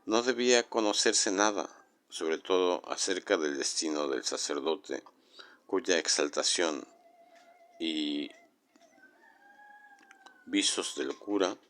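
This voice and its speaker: A man from Mexico City with a Mexican accent, reading a horror legend aloud in a measured, dramatic way. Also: low-pitched, a bit bright. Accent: Mexican Spanish. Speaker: storyteller.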